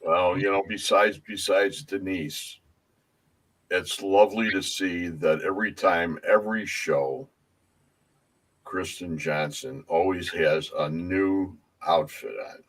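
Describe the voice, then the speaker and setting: A man's voice: low voice, takes it slowly, a bit bright. A man guesting on a talk show, genial and full of compliments. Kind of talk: casual talk show banter.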